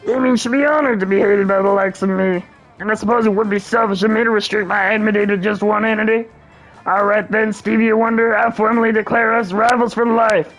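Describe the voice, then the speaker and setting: Man putting on a high, gravelly, boastful plant monster from a dating game; grandiose and rival-obsessed. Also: level tone, a little fast, fairly bright tone, faint music behind, poor audio. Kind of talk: reading a dating game aloud.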